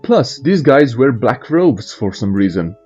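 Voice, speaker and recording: A man's voice: mid-range voice, big pitch swings, a little slow, darkish tone, breathy edge. A man delivering scripted video game lore narration as a storyteller, with irreverent joking asides. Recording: muffled voice over faint music.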